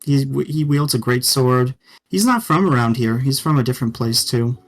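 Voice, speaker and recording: A man's voice: medium pitch, normal speed, faint music behind. A man running a tabletop game as dungeon master, bantering and swearing freely with his players. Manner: profane, joking banter.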